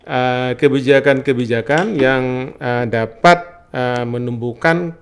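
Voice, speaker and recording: Pria narasumber yang bicara tersendat-sendat. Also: male voice, medium pitch, faint music behind. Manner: halting, many fillers and repeated phrases. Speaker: interview guest, library official. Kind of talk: conversational interview.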